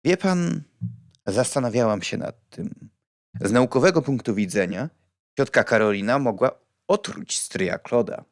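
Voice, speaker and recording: A man reading an audiobook and voicing a lively, blunt young woman with a playful, outspoken manner. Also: on the low side, creaky, no echo, studio quality. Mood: musing.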